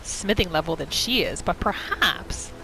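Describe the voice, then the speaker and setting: A woman hosting a gaming roleplay narrates in the third person, voicing her character's thoughts as she plays, her low-leaning voice a bit bright with lively intonation and an unhurried pace. Game music plays behind her on a rough recording.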